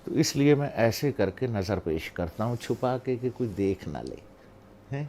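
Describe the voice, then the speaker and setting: A man giving a religious storytelling talk on respecting parents, animated, moving from soft asides to loud, emphatic points. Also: mid-range voice, a little hiss or hum. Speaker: religious speaker.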